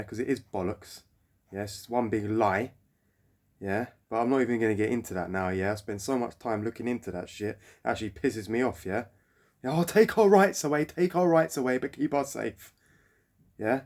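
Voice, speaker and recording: A man's voice: fairly low pitch, a little mellow. A man, a jiu-jitsu coach ranting bluntly to his viewers, swearing often and tagging his points with "yeah?". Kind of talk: blunt motivational talk to camera.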